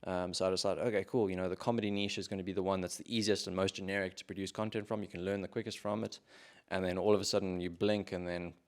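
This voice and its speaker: A man speaking as a podcast guest in a casual interview, measured and hedging with many filler phrases. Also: deep voice, level tone. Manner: measured, hedging with "sort of" and "kind of".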